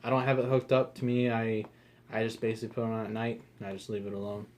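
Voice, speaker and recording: A man's voice: lowish voice, level tone, fast talker, darkish tone. A man giving a casual, rambling product review, swearing now and then.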